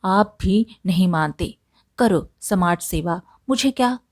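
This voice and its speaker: A woman voicing a sharp-tongued, complaining woodcutter's wife who talks scornfully. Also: medium pitch, animated, takes it slowly, no echo, clean studio sound. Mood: grumbling.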